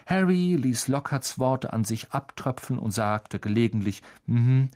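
A man reading an audiobook aloud in a calm, expressive way. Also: mid-range voice, unhurried. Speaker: audiobook reader. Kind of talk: audiobook narration.

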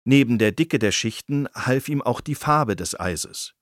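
A man's voice: mid-range voice, lively intonation, measured pace, no echo. Man narrating nonfiction in a dry studio.

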